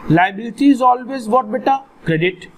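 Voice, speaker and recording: A man's voice: very high-pitched, lively intonation, fairly quick. A man with a North Indian accent teaching accountancy, repeating phrases and putting questions to his student with Hindi words mixed in. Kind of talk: instructional lesson with call-and-response questions. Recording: clearly noisy background.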